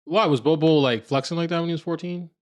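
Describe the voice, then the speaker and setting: A man's voice: fairly high pitch, fast. A man co-hosting a podcast, bantering casually in a laid-back, teasing, slangy way. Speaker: podcast co-host. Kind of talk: casual banter about fashion and basketball.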